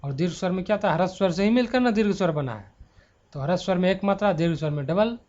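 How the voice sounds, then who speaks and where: Racing along in a high, darkish voice, a man teaches grammar for exam prep, thinking out loud and correcting himself as he goes. He's at home before his laptop using a handheld mic, with a dull, lo-fi recording quality.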